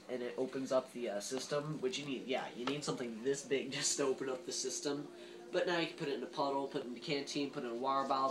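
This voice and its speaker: A man's voice: medium pitch, noisy background. A man giving a casual, rambling gear review as a reviewer, informal and emphatic with plenty of hyperbole. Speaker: gas mask reviewer.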